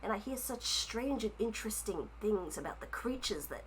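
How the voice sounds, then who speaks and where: Woman voices a shy, chatty rabbit-folk author man, lively rising pitch, noisy background, storybook game. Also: normal speed, natural voice. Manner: chatty, flattered and stammering.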